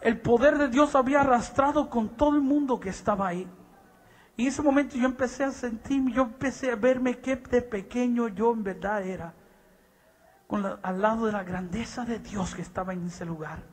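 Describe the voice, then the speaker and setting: A male preacher telling a testimony in a sermon, impassioned, swinging from hushed asides to shouts and often repeating a blessing. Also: very high-pitched, moderate pace. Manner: repeats "bendito sea Dios".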